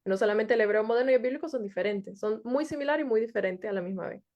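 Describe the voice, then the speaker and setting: A woman in a casual religious discussion, talking fast and sometimes searching for words. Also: on the high side, darkish tone. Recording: dull lo-fi audio.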